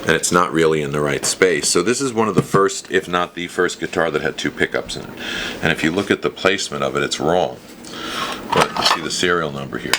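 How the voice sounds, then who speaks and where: His bass voice is fairly quick and sharp in tone. Inside a small, cluttered guitar shop, this fifty-something man talks like a dealer with a visitor, explaining things in a relaxed, story-driven way, recorded noisily on a handheld camera whose mic sits a short distance away.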